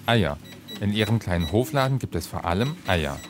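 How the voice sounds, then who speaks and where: A man reads a radio feature script in a calm, steady way. His voice sits very low. The delivery is measured and even. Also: very noisy. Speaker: reporter.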